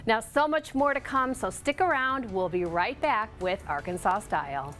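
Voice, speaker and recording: A woman's voice: fairly high pitch, expressive, normal speed, fairly bright tone, soft background music. A woman presenting as a lifestyle show host, in conversational sales patter with frequent check-in tags. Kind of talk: presenting products to viewers.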